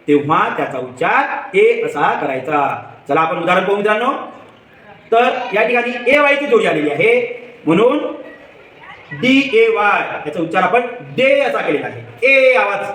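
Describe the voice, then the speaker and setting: A man giving a children's phonics lesson, slowly spelling out letters and asking the viewer questions, then answering them himself. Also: high-pitched, fairly bright tone. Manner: slow, patient, spells letters one by one. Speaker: teacher. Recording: echoey room, far from mic.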